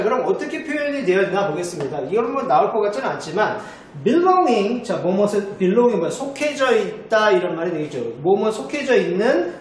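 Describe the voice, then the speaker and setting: A male teacher explaining vocabulary with a high, lively voice that swings all over its range. He stays chatty and keeps turning to his students to check that they follow. The sound bounces hard around a very echoey room, with a little faint noise underneath. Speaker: English teacher.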